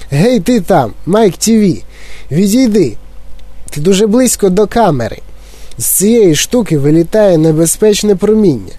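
A man voicing an excitable, eccentric male chocolate maker, exclaiming eagerly and giving orders. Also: high voice, no room sound, voice pushed up.

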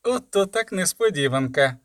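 A loud young man bursts in with forced, overly friendly cheer, voiced by a male reader. He talks high and pushy, like a pal who won't be ignored. The sound is close and dry. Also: expressive, moderate pace, dry recording. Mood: jovial.

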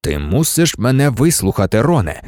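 A man voicing a calm, earnest middle-aged male teacher who speaks low and steady. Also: moderate pace, no room sound, studio quality.

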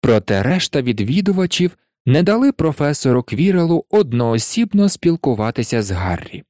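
A man narrating a storybook aloud in an expressive storytelling manner. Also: mid-range voice, moderate pace, no echo, clean studio sound. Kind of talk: audiobook narration.

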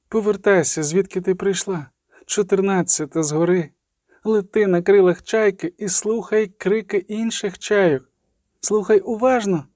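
An otherworldly prophetic spirit chants its warnings slowly, put on by a man reading an audiobook. The voice sits well above the reader's own, with a strange, distant timbre. The sound is dry and close. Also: high-pitched, darkish tone, dry recording, voice pushed up. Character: eerie prophetic spirit speaking through a girl.

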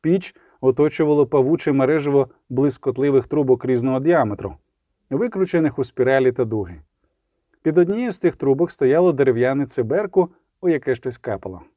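A man narrating an audiobook in a measured, even storytelling manner. His tone is mellow and warm, and the recording is dry and close. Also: mid-range voice, no room sound.

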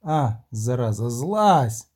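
A man voicing a weary monster hunter who talks gruffly and curtly, with mild curses. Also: mid-range voice, big pitch swings, slow pace, a little mellow. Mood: impatient. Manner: gruff, curt, swearing.

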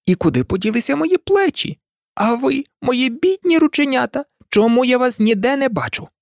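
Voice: high-pitched, big pitch swings, normal speed, creaky, no room sound, studio quality, pitched above the performer's own voice, exaggerated voice. A reader voicing a bewildered, polite little girl in a storybook recording, earnest and a little unsure. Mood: wondering. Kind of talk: audiobook reading.

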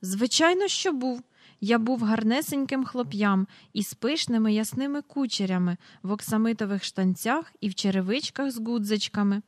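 A woman voicing a mild, slightly pompous middle-aged father in an audiobook, speaking a little higher than her narration. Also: normal speed, few pauses, no echo, clean studio sound, natural voice. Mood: mild, chatty. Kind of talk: audiobook character reading.

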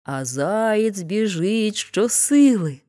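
A woman narrating a fairy tale aloud in an expressive storybook reading. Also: medium pitch, very slow.

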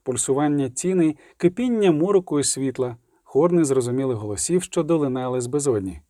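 Читець-чоловік веде оповідь спокійно, з м'яким, приглушеним тембром. Звук сухий і щільний, зблизька. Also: male voice, mid-range voice, fairly quick, dry recording, studio quality. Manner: even, steady storytelling. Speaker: audiobook reader. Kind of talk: scripted narration.

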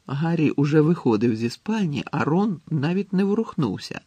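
Guy narrating a story in an even, measured way, husky voice, very dry close mic. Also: fairly high pitch, no echo, lo-fi sound. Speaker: audiobook narrator.

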